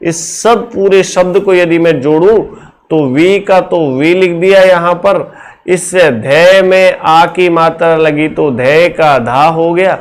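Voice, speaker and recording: A male teacher with a fairly high voice leads a classroom lecture at a measured, unhurried pace. He works through each step slowly and keeps throwing quick questions back at his students to check they follow. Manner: explains step by step with constant rhetorical questions to students.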